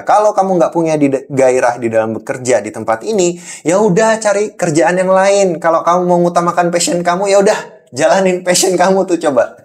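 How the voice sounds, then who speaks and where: A man's voice: a little high, darkish tone, lightly acted. A man from Java playing an angry boss who scolds and lectures a young employee in a role-played monologue, repeating points for emphasis.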